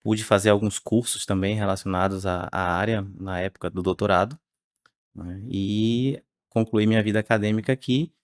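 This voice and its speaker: Measured man with low voice. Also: steady tone, dry recording, clean studio sound. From Salvador, Bahia, Brazil. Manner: measured, frequent tag questions. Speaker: researcher guest. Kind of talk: podcast interview.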